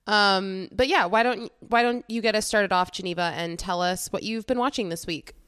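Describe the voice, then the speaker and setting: A woman co-hosting a film podcast in casual chat, congested from a cold, calm and a little apologetic. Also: medium pitch, moderate pace, clear, resonant tone, no echo, studio quality. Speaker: podcast co-host.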